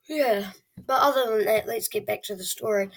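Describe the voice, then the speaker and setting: This eleven-year-old video channel host speaks in a husky, mid-range voice with a darkish tone. The child chats with viewers, spinning stories in a dramatic and whiny way.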